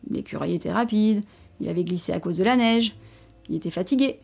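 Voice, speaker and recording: A woman reading a children's story aloud in a gentle, expressive way. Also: mid-range voice, a little fast, vocal fry, slightly rough. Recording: soft music underneath.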